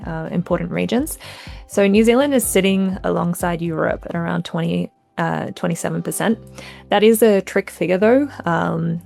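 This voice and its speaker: A woman moderating a panel discussion, engaged and questioning, slightly halting. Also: fairly low pitch, gravelly, darkish tone.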